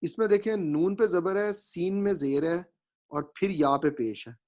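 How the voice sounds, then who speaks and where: A high-voiced man with a darkish tone teaches grammar, spelling out vowel marks at a slow pace. He explains patiently, often confirms that students understand, and mixes English words in.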